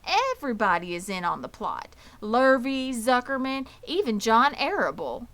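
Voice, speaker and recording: A woman's voice: a little high, very animated, moderate pace, fairly bright tone, voice pushed up. A woman voicing a grim, knowing old female sheep in a children's storybook, blunt and snappish. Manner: matter-of-fact, snappish. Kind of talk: children's storybook character reading.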